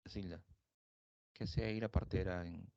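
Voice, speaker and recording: A stern, suspicious older hacienda father, read out by a male teacher in a low, gravelly voice. The recording is dull and dry, with a lo-fi sound. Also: fairly even intonation, normal speed, warm tone, no echo. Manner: reading quotes aloud in his teaching voice.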